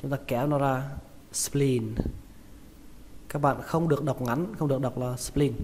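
A man's voice: medium pitch, fairly even intonation, darkish tone. Vietnamese guy teaching english words, says each one over and over, echoey room w faint hiss. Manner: repeats each word slowly, stressing syllables. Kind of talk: pronunciation lesson. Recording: reverberant room with faint noise.

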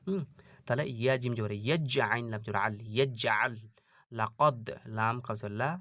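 A man teaching Quran reading in an online lesson. He explains slowly, puts questions to his students, and spells out the letters before reciting each word drawn out. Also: medium pitch, fairly bright tone, no echo, studio quality.

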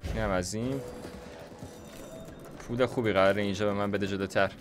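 A young man with a fairly low, steady voice gives casual, slangy gameplay commentary as a gaming YouTuber, chatting to himself while he builds.

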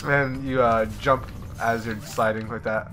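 A young man chatting easily and reacting to a video game with quick remarks as a co-host. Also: medium pitch, fairly even intonation, over music. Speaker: gaming channel co-host. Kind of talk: casual gameplay commentary.

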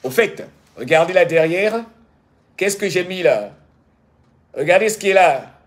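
A man hosting a live stream who chats casually with viewers, greets them by name, and teases them with bursts of excitement. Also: sits high, unhurried. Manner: exuberant, teasing, greets chat by name. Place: home in the United States.

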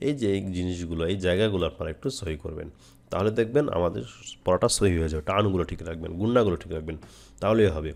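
A man's voice: sits low, vocal fry, a little mellow. A man from Bangladesh teaching Quran recitation step by step, explaining each phrase plainly. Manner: models phrases with long drawn-out chanting, then explains plainly.

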